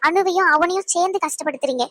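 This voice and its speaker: A woman's voice: very high-pitched, fast, pushed and bright. A woman voicing a polite, reassuring young groom in a cartoon family drama.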